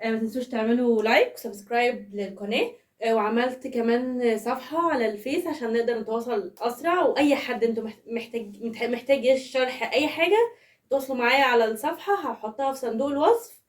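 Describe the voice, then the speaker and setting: A woman's voice: on the high side, fast, echoey room, distant mic. A woman teacher with an Egyptian accent explaining math to young children in a chatty, playful way, full of questions to the class. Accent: Egyptian Arabic. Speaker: primary school math teacher.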